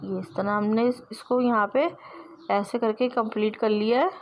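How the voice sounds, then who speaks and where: A woman's voice: a little high, steady tone, normal speed, slight background noise. A woman teaching sewing step by step, explaining patiently and repeating herself as she works with her hands.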